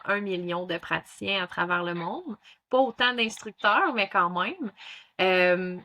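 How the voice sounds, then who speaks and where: Guesting on a casual interview, this thirty-something ThetaHealing instructor from Quebec speaks with a Québécois French accent, full of fillers and false starts. She has a mid-range voice with a sharp tone.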